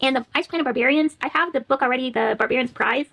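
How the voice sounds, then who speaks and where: Talking fast in a high, fairly bright voice, a woman shows off the books she borrowed from the library. This casual haul chat from a book vlogger is full of laughter and back-cover blurbs read out loud.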